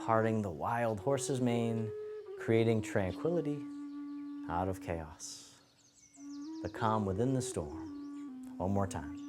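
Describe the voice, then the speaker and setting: A man teaching tai chi, cueing each movement step by step in a gentle, encouraging, unhurried way. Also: lowish voice, lively intonation, very noisy. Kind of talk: guided movement lesson, calm step-by-step cueing. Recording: music playing behind the voice. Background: music.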